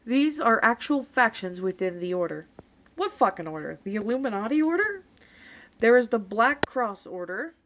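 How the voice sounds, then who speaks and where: A woman's voice: a little high, very animated, normal speed, a bit bright, a little hiss or hum. Sarcastic woman reading aloud in disbelief, dull recording. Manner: sarcastic, scoffing, swearing freely. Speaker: YouTube commentator reacting to comments. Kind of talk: reading comments aloud with mocking casual commentary. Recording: dull, lo-fi sound.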